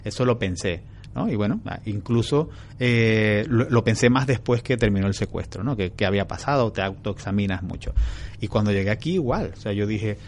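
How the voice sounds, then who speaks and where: A man from Venezuela, a guest in an interview, telling his story in a calm, frank and reflective way. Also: on the low side, fairly quick, a little hiss or hum. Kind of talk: relaxed storytelling in conversation.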